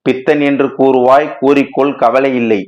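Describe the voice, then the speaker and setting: A man's voice: mid-range voice, fairly even intonation, moderate pace, darkish tone, lightly acted. A man voicing an anguished male writer in a storybook reading, lamenting in a dramatic, wordy way, on a dull lo-fi recording. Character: anguished male writer, grief-stricken and impassioned.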